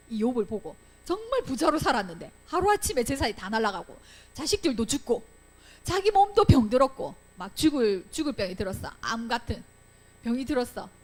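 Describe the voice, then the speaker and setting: A young woman teaching a Sunday school Bible lesson to children, telling the story with acted-out lines and frequent questions to the class. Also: a little high. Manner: animated storytelling, acting out quoted lines, asking children questions. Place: church classroom.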